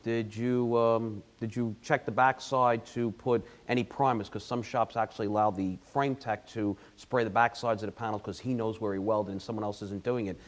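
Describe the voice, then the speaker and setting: Halting, chatty man consultant. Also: fairly low pitch, fairly even intonation. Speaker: repair consultant panelist. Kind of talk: panel discussion. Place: car dealership showroom.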